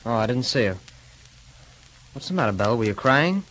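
An actor playing a brisk, insistent husband who speaks curtly and matter-of-factly, in 1930s radio drama style. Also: male voice, mid-range voice, lively intonation, a bit bright, a little hiss or hum, natural voice, poor audio. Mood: firm. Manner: curt, matter-of-fact firmness.

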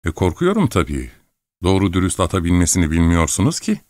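Man voicing a gruff, jealous young officer. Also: sits low, sing-song, fairly quick, a little mellow, dry recording. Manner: blunt, sullen.

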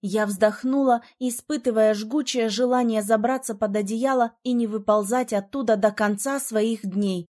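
Female audiobook narrator, expressive first-person reading, warm tone. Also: fairly high pitch, moderate pace, hardly any pauses. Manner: expressive, emotional storytelling.

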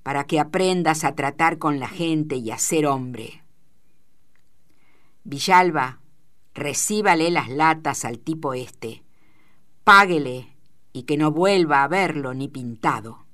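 A harsh ranch boss barks orders in a rough, commanding tone, as a woman reading a storybook puts him on. The delivery stays slow and low-pitched.

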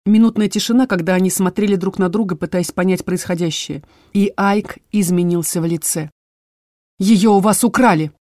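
A woman narrating an audiobook in an expressive reading style. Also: fairly low pitch, fairly quick, no room sound, studio quality. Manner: expressive reading, voicing many characters.

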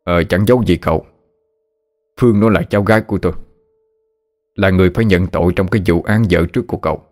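A man playing a soft-spoken older master. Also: low-pitched, lightly acted. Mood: courteous. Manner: quiet, polite, measured.

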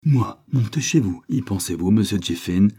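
A man's voice: lowish voice, expressive, moderate pace, dark tone, husky. A man voicing a vain, prudish young woman with mincing, affected speech. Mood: prim.

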